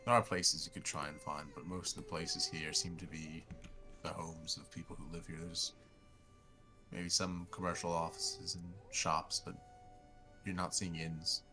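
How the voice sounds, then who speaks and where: A man improvising narration as game master of a tabletop fantasy game, halting as he thinks aloud. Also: low voice, little pitch movement, pushed and bright, soft background music.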